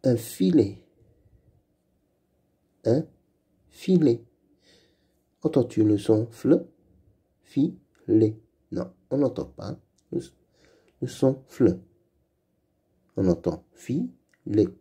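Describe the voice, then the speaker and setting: A man leading a slow reading lesson for young children, saying each sound and word twice. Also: mid-range voice, expressive, dark tone. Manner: repeats each word and sound slowly and clearly. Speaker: reading teacher.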